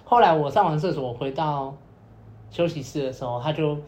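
A man's voice: fairly high pitch, a little fast, darkish tone. Rambling young man, roomy sound. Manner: rambling, many repeated fillers, acts out quoted lines. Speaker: podcast co-host telling a story. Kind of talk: casual storytelling chat. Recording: roomy echo with faint noise.

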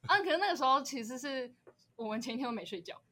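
A young woman in her twenties with a Taiwanese Mandarin accent, co-hosting a podcast and telling a story in a quick, chatty way. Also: high-pitched, animated, pushed and bright. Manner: quick, chatty, setting up background details. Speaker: podcast co-host. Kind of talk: casual storytelling chat.

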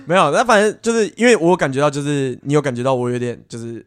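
A young man in his twenties with a Taiwanese Mandarin accent, a podcast guest telling stories in rapid, rambling bursts with many restarts. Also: on the high side, clean tone. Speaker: podcast guest, film director. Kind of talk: casual chat.

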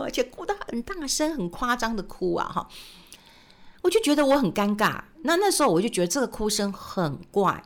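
Woman, radio host, animated storytelling, swooping pitch. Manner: animated, acts out quoted voices. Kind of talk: storytelling commentary.

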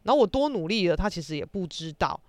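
A woman's voice: lowish voice, animated, fast, a little mellow, no echo. A young woman with a Taiwanese Mandarin accent, hosting a podcast and ranting animatedly in casual storytelling, with some casual swearing. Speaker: podcast host.

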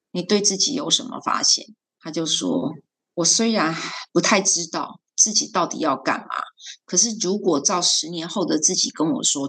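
A woman's voice: fairly low pitch, fairly bright tone, slightly rough. A woman coach, recounting a talk with a student in a podcast conversation and acting out the quoted lines. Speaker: guest coach and homeroom teacher.

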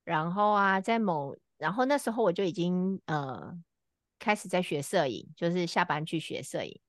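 A middle-aged woman co-hosting a casual podcast, telling a personal story with frequent filler pauses. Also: on the low side, expressive, no room sound, studio quality. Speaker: podcast co-host.

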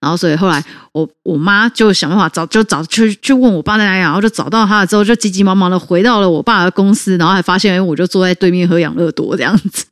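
A woman's voice: on the low side, quick pace, few pauses, no echo, studio quality. A woman with a Taiwanese Mandarin accent, co-hosting a podcast and telling a childhood story in a chatty way with many fillers. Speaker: podcast co-host.

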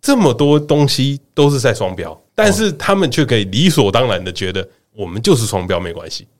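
A man's voice: mid-range voice, sing-song, a little fast. A man with a Taiwanese Mandarin accent hosting a podcast in casual chat, teasing his co-host and laughing often.

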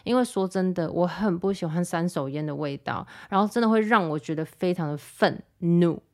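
A woman's voice: on the low side, moderate pace. A woman hosting a podcast, telling a story in a casual, exasperated rant and acting out the lines of the people in it, with English words mixed in. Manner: exasperated, animated retelling with mimicked dialogue. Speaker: podcast host. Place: lives in Rome.

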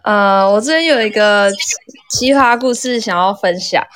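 A woman's voice: medium pitch, moderate pace, clear, resonant tone. Woman telling a story as a caller. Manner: animated, acts out quoted lines. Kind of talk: casual storytelling.

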